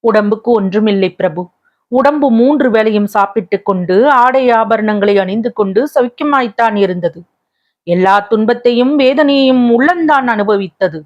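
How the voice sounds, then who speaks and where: A woman's voice: a little high, moderate pace, a little mellow, dull audio, close to an everyday voice. A woman voicing a tearful lovelorn young woman. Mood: sorrowful. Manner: plaintive, pleading tone.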